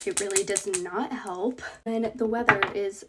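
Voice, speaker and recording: A woman's voice: mid-range voice, steady tone, a little slow, noisy background. A woman in her twenties talking casually to camera in a vlog, chatty and candid with frequent laughs, her voice congested from a cold. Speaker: vlogger.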